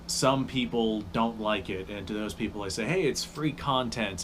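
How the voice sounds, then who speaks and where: A man with a lowish voice talks casually to camera, and his lines keep lifting at the ends in upspeak. He rambles with restarts and has the hiccups. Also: fairly bright tone, slight background noise. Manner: upspeak, rising at line ends. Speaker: YouTube creator.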